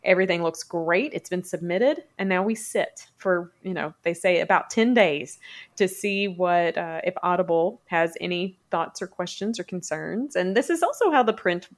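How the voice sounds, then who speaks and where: A woman hosts a podcast in a relaxed, chatty way. Her voice sits a little low for a woman, and it springs upward whenever she gets animated. She sounds expressive and conversational. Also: moderate pace. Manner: animated, expressive, often leaps up in pitch. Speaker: podcast host. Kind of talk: casual podcast chat.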